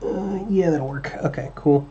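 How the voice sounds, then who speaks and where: A man hosting a casual livestream while building a drone, chatting with viewers and muttering to himself as he works, his voice slightly hoarse. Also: on the high side, unhurried, highs cut off. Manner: relaxed, chatty, muttering at parts while working.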